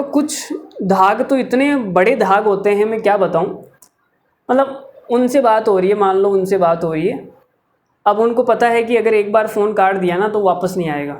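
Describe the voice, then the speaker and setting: A man teaching maths in a lively lecture, chatting with his viewers and teasing them as he works through the problems. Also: high-pitched.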